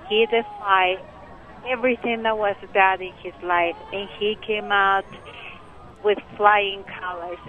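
A woman caller speaks over a tinny, narrow phone line. Her voice sits at a medium pitch, and she gives an earnest, deliberate personal testimony with pauses between phrases. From Mexico. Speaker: radio call-in listener. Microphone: telephone.

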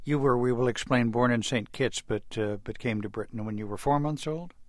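A man's voice: mid-range voice, a little fast, no echo, studio quality. A man interviewing a guest in a conversational broadcast style. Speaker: radio interviewer.

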